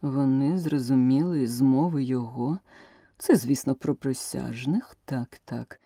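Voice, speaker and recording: A woman reading aloud, voicing a pompous, self-satisfied old king in a storybook who mumbles slowly and smugly. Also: extremely low pitch, dark tone, breathy edge, no echo, clean studio sound, pitched below the performer's own voice, full character voice. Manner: slow, mumbling, smug.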